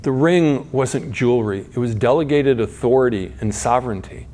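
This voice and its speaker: A middle-aged pastor delivers a sermon in a relaxed, conversational style at normal speed. He asks his listeners rhetorical questions, frequently restarts sentences, and alternates between soft, low asides and brighter, raised points.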